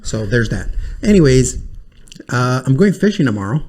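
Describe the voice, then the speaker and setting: A man's voice: medium pitch, big pitch swings, moderate pace, a little mellow. A man co-hosting a casual podcast chat, talking in a laid-back, easygoing way. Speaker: podcast co-host.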